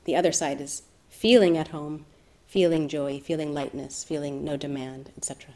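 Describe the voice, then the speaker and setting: A woman giving a reflective meditation talk, soft-spoken and thoughtful with gentle laughter. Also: low-pitched, fairly even intonation, normal speed. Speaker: meditation teacher.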